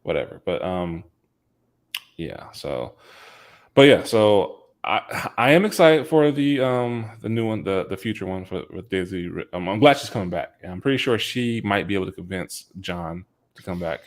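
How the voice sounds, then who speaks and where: A man co-hosting a podcast in casual chat, animated and full of fillers, laughing often. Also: low-pitched, normal speed. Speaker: podcast co-host.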